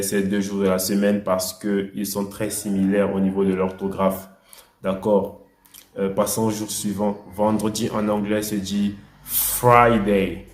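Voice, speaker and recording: Slow, low-voiced man teaching a language lesson. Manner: patient, repeats words for learners to echo. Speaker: English and French teacher. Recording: echoey room.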